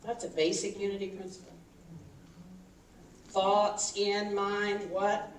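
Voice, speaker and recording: A woman in her fifties, a minister giving a sermon, animated and calling for responses from the congregation. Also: mid-range voice, slow pace. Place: church sanctuary. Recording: echoey hall, mic from far off, faint noise.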